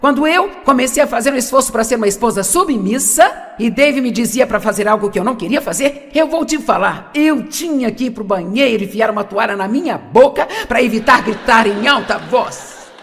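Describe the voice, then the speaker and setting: A woman's voice: a little high, animated, fairly quick, fairly bright tone, big-room sound. A woman preaching a sermon, asking the audience questions and repeating her key points.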